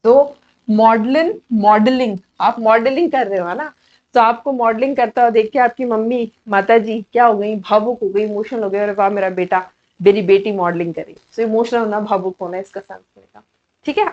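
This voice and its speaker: A fairly high-pitched Indian woman teaches vocabulary in an online exam coaching class. She talks in a chatty, repetitive way, mixing Hindi and English as she walks through each word. The sound is a little dull and lo-fi. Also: a little mellow. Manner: chatty, explains in mixed Hindi and English, repeats key words.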